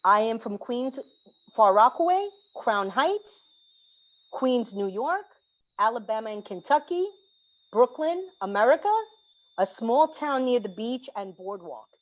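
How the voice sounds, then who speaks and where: A woman reads a collective poem to open an orientation, pitched a little high and taking each line in its own measured beat. The sound comes through a dull, lo-fi video call. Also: lively intonation. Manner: measured, pausing between list items. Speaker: orientation organizer. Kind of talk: reading a collective poem aloud.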